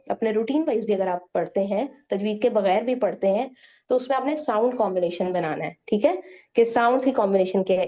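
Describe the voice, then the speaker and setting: A woman teaching a Quran recitation class, patiently sounding out syllables slowly one by one and checking in with her students. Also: mid-range voice, mellow. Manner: slow, drawn-out syllable-by-syllable demonstration; patient, repeats "theek hai" to check in.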